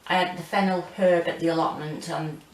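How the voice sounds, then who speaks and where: A British woman in her forties chatting casually and hesitantly as she gives a rambling home gardening tour, with a monotone, self-deprecating manner. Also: on the low side, a little fast, slight background noise, low-quality recording. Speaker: gardening vlogger. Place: small home kitchen and windowsill, indoors.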